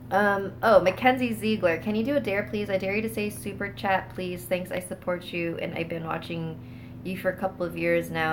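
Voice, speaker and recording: This woman's lowish voice comes with background noise as she livestreams from a phone propped on a small stand. With a stuffy nose, she chats and giggles, reads scary stories aloud, thanks her viewers and drifts off mid-thought now and then.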